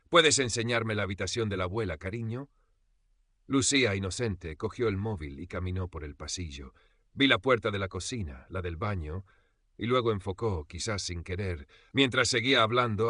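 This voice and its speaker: An older man from Spain narrates a first-person story with dramatic tension. His lowish voice is bright and forceful. The recording is dry and close. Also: animated, normal speed, no room sound. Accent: Spain Spanish. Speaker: audiobook narrator.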